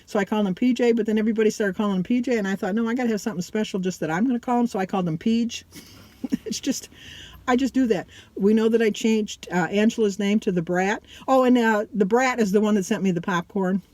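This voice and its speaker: A woman's voice: medium pitch, fast talker, few pauses, darkish tone, dry recording. Rambling, chatty middle-aged woman vlogger. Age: middle-aged or older. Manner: chatty and rambling, often breaking off mid-sentence. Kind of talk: casual chat to viewers.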